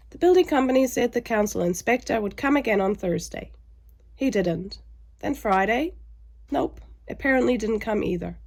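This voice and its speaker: A woman's voice: a little high, animated, normal speed, darkish tone. A woman sounding under the weather and weary, narrating a scripted vlog with frustration.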